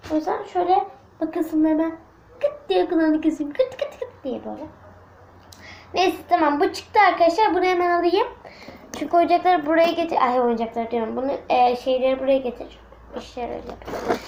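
A young woman vlogging at home, chatty and excitable, talking straight to her viewers. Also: high voice, a little hiss or hum, rough recording. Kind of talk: casual home vlog. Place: at home indoors.

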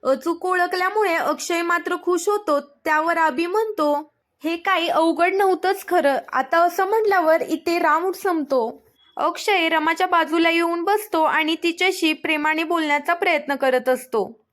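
A woman narrating a recap of a TV serial episode in a steady storytelling manner, reading the characters' lines without acting them out. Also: very high-pitched, moderate pace. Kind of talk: plain spoken recap narration.

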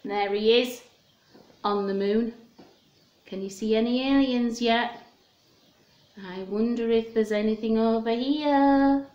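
An Englishwoman presents children's storytime, slowly reading a picture book aloud in a small room at home, using simple child-directed talk with questions. Her voice is fairly high, steady and a little mellow. The home recording sounds dull, roomy and echoey.

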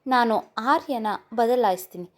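A kind young wife, hurt but determined, speaking softly in a storybook family drama, voiced by a woman narrator. Her voice sits a little high. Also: measured pace, natural voice.

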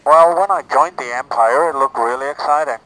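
A man playing a disillusioned, hapless Imperial soldier in a comic parody film, hesitant and deadpan, his voice filtered as if from inside a knight-like helmet. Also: medium pitch, brisk, poor audio. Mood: wistful. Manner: hesitant, deadpan, polite and self-doubting. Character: disillusioned, hapless Imperial Stormtrooper seeking a new career.

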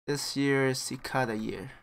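A man's voice: medium pitch, fairly even intonation, normal speed. A man streaming himself playing a game, chatting casually with viewers and laughing often. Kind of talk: casual live-stream chat while playing.

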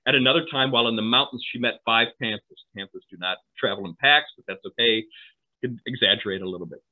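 A middle-aged man gives a history talk over a video call, his voice at an ordinary middle pitch. He speaks conversationally, with quick asides and "right?" tags. The sound is narrow and tinny, like a phone line. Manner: conversational, asides and tag questions. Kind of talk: online history lecture. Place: home room, video call.

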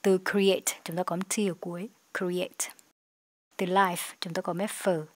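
A woman with a Vietnamese accent teaching an English lesson, explaining in Vietnamese and reading English example sentences slowly and clearly. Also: fairly low pitch, flat delivery, no room sound. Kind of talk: language lesson narration.

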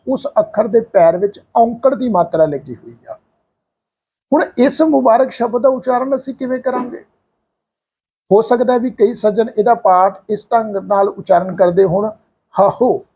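A man with an earnest, explanatory manner, teaching the correct pronunciation of scripture and slowly chanting example lines. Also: sits high, a little mellow, slightly rough. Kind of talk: religious pronunciation lesson.

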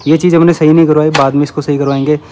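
With a flat, racing delivery and a warm, higher voice, a young vlogger talks casually to camera while showing things around his home, inside and by a parked bike. Slight hiss or hum sits under the audio.

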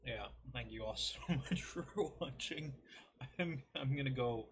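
A man's voice: medium pitch, unhurried, fairly bright tone, a little hiss or hum. A man in his early twenties rambling casually to a desk webcam in a small bedroom, joking and mocking himself as he reviews food. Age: 20s. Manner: self-deprecating, rambling, joking. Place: small cluttered bedroom, indoors.

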